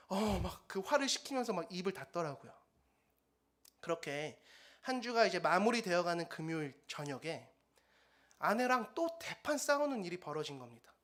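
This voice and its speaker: A young male junior pastor preaches at an early-morning church service, weaving his own testimony into the sermon. His voice sits fairly high for a man and swings widely in pitch as he acts out scenes from his story. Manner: animated storytelling, acting out quoted dialogue. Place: church sanctuary.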